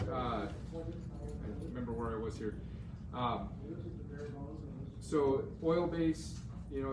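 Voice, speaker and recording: A man speaking through a face mask, giving an informal, easygoing live demonstration in a conversational, explanatory way. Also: mid-range voice. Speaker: woodcraft demo presenter, guitar maker. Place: busy store demo area, indoors. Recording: roomy, distant mic, loud crowd noise.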